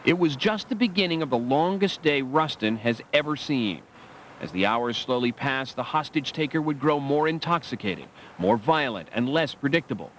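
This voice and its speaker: A man's voice: medium pitch, expressive, normal speed, fairly bright tone, slight background noise, low-quality recording. A man narrating a documentary from a dramatic script.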